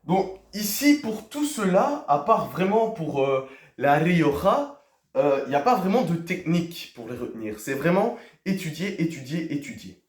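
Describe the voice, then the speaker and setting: Male language teacher, drawn-out and animated delivery, quizzes viewers, repeats words to drill them. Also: fairly high pitch. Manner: teacherly, poses quiz questions to viewers; hesitant fillers, repeats key words. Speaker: Spanish teacher. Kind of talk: video lesson. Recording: echoey room.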